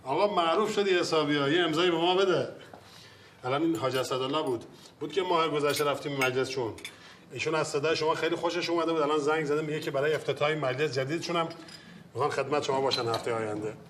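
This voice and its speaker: A man's voice: fairly high pitch, fairly bright tone, slight background noise, lightly acted. A man playing a bossy, hot-tempered father. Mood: coaxing. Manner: irritable, lecturing, insistent. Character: pushy middle-aged father, quick-tempered. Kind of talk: film drama acting.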